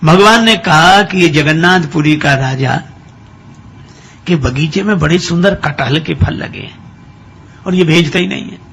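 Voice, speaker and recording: Gravelly man telling a comic sermon story. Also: a little high, a little slow, pauses often, a bit bright, slight background noise. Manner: chatty storytelling, laughing at his own tale. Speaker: preacher. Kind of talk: humorous devotional storytelling sermon.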